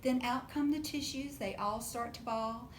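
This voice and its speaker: A preschool storytime reader, a woman, reads a picture book aloud to young children at normal speed, expressive and animated, often putting questions to them. The room echoes, with a faint low rumble beneath.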